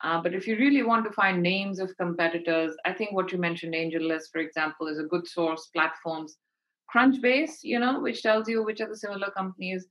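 A woman's voice: lowish voice, steady tone, brisk, fairly bright tone. A woman giving conversational advice as an expert podcast guest, explaining her points with emphasis.

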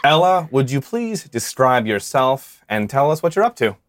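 A woman's voice: extremely low pitch, big pitch swings, normal speed, no echo, clean studio sound. A woman running a tabletop game as game master, narrating scenes playfully and laughing often.

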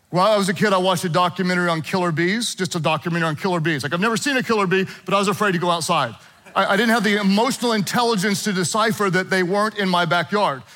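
Middle-aged male pastor, bright and ringing, high for a man; animated, humorous sermon storyteller. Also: low-quality recording. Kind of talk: sermon to a live and online congregation. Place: church auditorium with congregation.

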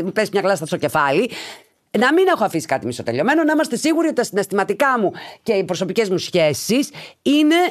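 Animated, swearing woman podcast host. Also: mid-range voice. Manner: animated, swears freely, addresses listeners directly. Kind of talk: casual chatty monologue.

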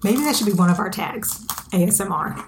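A woman's voice: mid-range voice, a little fast, reverberant, slight background noise. Teasing woman in casual podcast chat. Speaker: podcast co-host.

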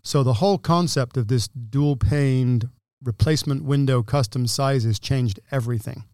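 A man's voice: mid-range voice, normal speed, a little mellow, dry recording, clean studio sound. Assured English-born man in his sixties. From England. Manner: explanatory, detailed, assured. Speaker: guest, window company owner. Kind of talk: casual interview talk.

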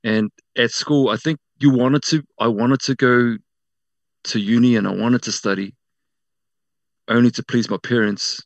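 A man's voice: medium pitch, steady tone, measured pace, no echo, muffled recording. New Zealand man, informal storyteller, dry close sound. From South Auckland, New Zealand. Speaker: interview guest working in media. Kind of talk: casual personal storytelling.

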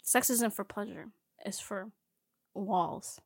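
A woman's voice: mid-range voice, slow, vocal fry, slightly rough, dry recording, studio quality. A young woman co-hosting a casual comedy chat, teasing and jokey, laughing often. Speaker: podcast co-host.

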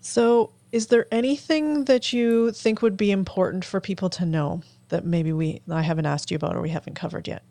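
A woman's voice: medium pitch, fairly quick, few pauses, mellow. A woman hosting a podcast interview, asking casual questions and giving brief affirming responses.

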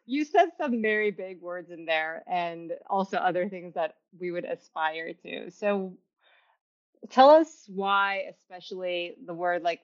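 Chatty young woman from Turkey. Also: fairly low pitch. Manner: chatty, many restarts and fillers, laughs often. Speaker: podcast host. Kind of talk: casual interview chat. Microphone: video call. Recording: slightly dull, lo-fi sound.

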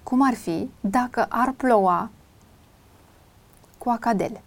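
Lady interviewing a little kid, teasing and coaxing, kinda high voice. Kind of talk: playful interview with a child.

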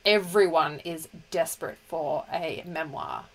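A woman co-hosting a fan podcast, talking in a bubbly, gushing way. Her chat is loose and excited, full of enthusiastic asides. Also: low voice, a little slow, gravelly, a little hiss or hum. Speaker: podcast co-host. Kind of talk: casual chat.

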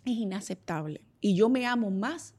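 A woman co-hosting a casual panel chat, giving warm, direct advice and acting out what to say. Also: medium pitch, lively intonation, moderate pace. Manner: motherly, direct advice-giver. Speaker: co-host.

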